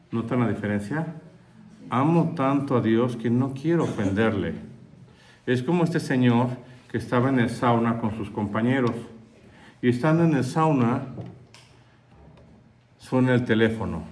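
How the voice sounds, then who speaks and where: Conversational priest preaching with humor. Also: male voice, medium pitch, a little mellow. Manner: conversational, humorous, asks the audience questions. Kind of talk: sermon with anecdotes.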